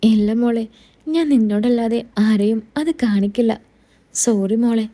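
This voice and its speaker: A woman's voice: fairly high pitch, unhurried, lightly acted. A woman voicing a lonely widowed father-in-law. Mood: sorrowful. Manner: soft, tender and pleading.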